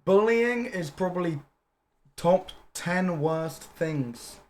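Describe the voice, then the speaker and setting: A man with a slightly high voice hosts a casual livestream conversation. He asks questions in a joking, sweary way, like someone chatting among friends. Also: expressive, slow. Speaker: interviewer on a livestream show. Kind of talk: casual chat.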